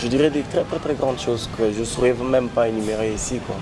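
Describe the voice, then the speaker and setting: A man, a gospel singer, singing a slow worship song and talking about his album as an interview guest. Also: medium pitch, noisy background. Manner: slow, soaring sung phrases. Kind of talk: sung worship song and talk. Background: loud music.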